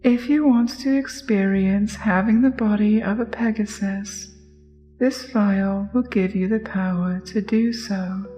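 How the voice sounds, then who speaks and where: A woman narrating a scripted guided hypnosis in a soft, soothing, measured way. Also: mid-range voice, in a large hall. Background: music.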